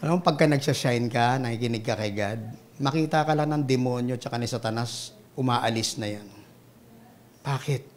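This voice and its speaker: A Filipino man preaching a sermon with big swings between loud exclamations and hushed asides. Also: mid-range voice, normal speed, a little hiss or hum. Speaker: pastor.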